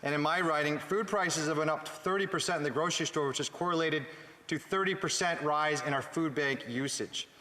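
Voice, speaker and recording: A Canadian man delivers an earnest speech as a member of parliament. His voice is fairly high and forceful, with emphatic short phrases. It rings through a large, reverberant chamber. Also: fairly quick. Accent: Canadian English. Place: large indoor legislative chamber. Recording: echoey chamber with long reverb.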